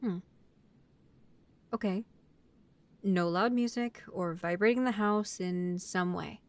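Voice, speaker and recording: In a scripted roleplay audio drama, a woman speaks slowly in a mid-range voice as an exasperated, bossy young vampire college student. She sounds organized and considerate, laying things out matter-of-factly as if chairing a meeting.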